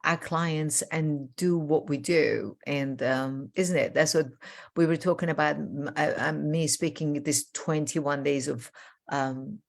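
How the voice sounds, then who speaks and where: An older woman originally from Iran hosting an interview as a coach, talking warmly and effusively, rambling with many fillers. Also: low voice, takes it slowly, gravelly. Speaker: host, transformational coach. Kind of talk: casual interview chat.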